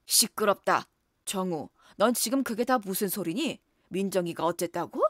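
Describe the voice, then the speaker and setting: A woman's voice: mid-range voice, expressive, normal speed, fairly bright tone, no echo, studio quality, voice pushed down. A woman voicing a stern, imperious older mother-in-law in a voice drama, scolding in an old-fashioned commanding way.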